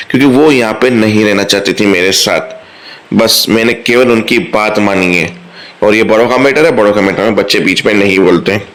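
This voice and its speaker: A man voicing a stern father who firmly lectures his family in a plain, low voice. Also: a bit bright, close to an everyday voice. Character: stern father laying down the law.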